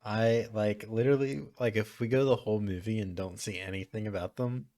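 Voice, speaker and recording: A man's voice: on the low side, steady tone, brisk, mellow, dry recording, clean studio sound. A young man co-hosting a casual chat, enthusiastic and slangy. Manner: enthusiastic, says "dude" and "like" a lot. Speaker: co-host.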